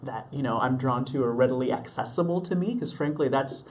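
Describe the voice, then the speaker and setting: A man's voice: mid-range voice, brisk. A young man from Mexico, a stage actor, answering interview questions in an eager, earnest way and laughing easily. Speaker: Broadway actor, interview guest. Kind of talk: casual interview chat.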